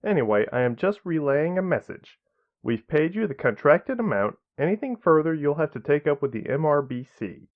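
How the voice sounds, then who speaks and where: A man's voice: on the high side, big pitch swings, normal speed, phone-quality sound, pitched above the performer's own voice. A man doing a condescending company rep. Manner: cool, condescending, clipped. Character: condescending male corporate representative.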